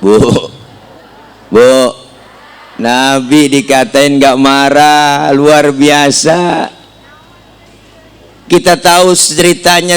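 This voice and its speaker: Funny preacher guy, bit of a high voice, cracking jokes at the ladies in the crowd. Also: smooth. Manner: jokey, talks straight to the women in the crowd, drops low and quiet for asides. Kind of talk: comic sermon to a village audience. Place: live religious gathering in a village.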